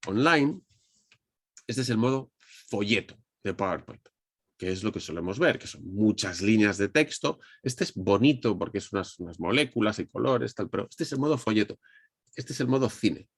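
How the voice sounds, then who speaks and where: Low-voiced Madrid Spanish man teaching online. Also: animated, normal speed, slightly rough, no room sound, studio quality. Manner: conversational, addresses audience directly, frequent restarts. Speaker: communication trainer. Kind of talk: online presentation lesson. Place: indoors at a desk under a ring light. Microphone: webcam on video call.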